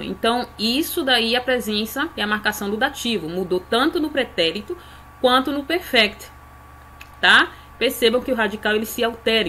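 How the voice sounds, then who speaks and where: A woman explaining German grammar tables, ending each point with a quick tag question. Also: medium pitch, fairly bright tone, a little hiss or hum. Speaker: German teacher.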